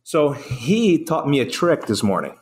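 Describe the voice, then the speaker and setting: A man's voice: medium pitch, very animated, unhurried, slight background noise. A man from Brazil, a restaurant co-owner chatting casually as a podcast guest, rambling through stories with restarts.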